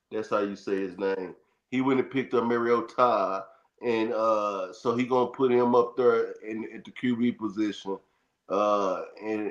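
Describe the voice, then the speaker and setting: A man co-hosting a live fantasy football stream, teasing and animated, stumbling over his words and talking to the audience. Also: fairly low pitch, dull audio. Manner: animated, teasing, stumbles and repeats himself, addresses the audience as y'all. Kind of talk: casual live-stream banter.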